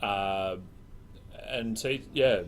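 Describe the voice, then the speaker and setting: A man's voice: fairly low pitch, extremely slow, slight background noise. A man hosting a casual live stream chat, rambling and joking. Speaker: host.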